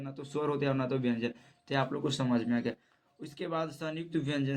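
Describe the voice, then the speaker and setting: Man teaching grammar, repeating drills. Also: fairly high pitch. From Bihar, India. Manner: repeats each definition slowly, spells out letters one by one. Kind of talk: Hindi grammar lesson for exam students.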